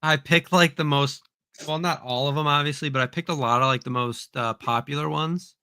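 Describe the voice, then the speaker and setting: Hesitant, bright-voiced podcast co-host. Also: male voice, fairly high pitch, steady tone, fairly quick, clean tone. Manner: hesitant, lots of ums and likes. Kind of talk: casual livestream podcast chat. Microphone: streaming mic.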